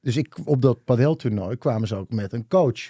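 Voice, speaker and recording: A man co-hosting a podcast, animated and playful, exaggerating for effect in casual conversation. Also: medium pitch, fairly quick, breathy edge, dry recording, studio quality. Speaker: podcast co-host. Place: podcast studio.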